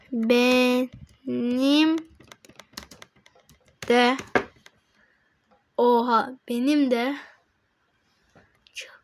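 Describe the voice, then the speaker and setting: A woman doing casual gameplay commentary, excitedly reading out chat messages to her viewers and breaking into laughing shouts. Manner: excitable, addresses viewers as friends, reads chat aloud; bursts into high laughing shouts. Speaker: gaming channel host.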